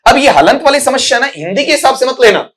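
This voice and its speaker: A man's voice: very high-pitched, animated, quick pace, a bit bright. A male English teacher giving a recorded exam-prep lesson, patiently explaining and drilling pronunciation sound by sound while calling his students "beta". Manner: patient, explanatory, calls students "beta", frequent "thik hai" check-ins.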